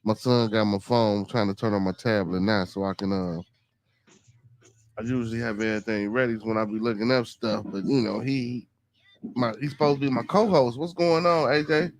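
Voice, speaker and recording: A man's voice: lowish voice, steady tone, moderate pace, a little hiss or hum. A man with a Chicago accent hosting a casual live-stream podcast, talking in a loose, slangy, laid-back way and often tagging on "man". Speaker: podcast host.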